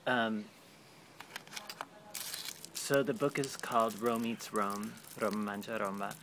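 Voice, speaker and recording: A man's voice: fairly low pitch, slow, background noise. A man interviewing someone and explaining a book project at length, thoughtful and a little rambling.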